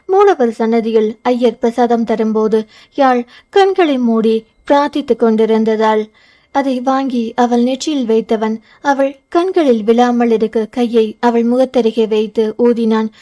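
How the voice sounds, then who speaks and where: Mellow-voiced woman narrating a novel. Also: fairly high pitch, unhurried. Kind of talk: scripted narration.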